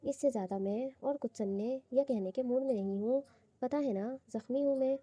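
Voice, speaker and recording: A woman's voice: a little high, warm tone, no room sound, natural voice. A woman reading as a teasing young husband. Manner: coaxing, playful, lightly reading.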